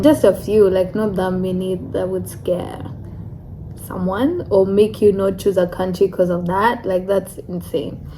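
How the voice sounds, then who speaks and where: Young woman, international student vlogger; mellow, mid-pitched voice, frank and chatty delivery. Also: a little hiss or hum, poor audio. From Kenya. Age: young adult. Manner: candid, chatty, fills with "like" and "you know". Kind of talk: casual vlog chat.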